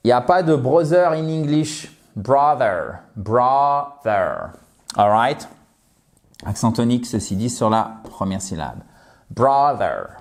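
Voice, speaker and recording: Guy teaching english, lively and chatty, talks straight to viewers. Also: medium pitch, normal speed. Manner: lively, addresses viewers directly, jokes about his slips. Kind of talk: explanatory grammar lesson.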